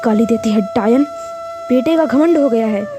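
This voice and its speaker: A woman voicing a surly, bitter young village man who shouts his complaints. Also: fairly high pitch, moderate pace, music in the background, natural voice.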